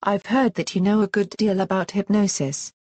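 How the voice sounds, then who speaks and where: A woman's voice: mid-range voice, steady tone, normal speed, a little mellow, breathy edge, no room sound, natural voice. A synthetic female voice playing a wary, curious woman who asks earnest questions. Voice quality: synthetic, stilted.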